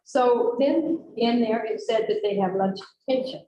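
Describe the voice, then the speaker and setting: A woman's voice: on the high side, moderate pace, highs cut off, slight background noise. A woman on a school board speaking frankly at a public meeting, with frequent restarts. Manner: frank, rambling, many restarts. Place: meeting room. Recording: echoey room mic from a distance.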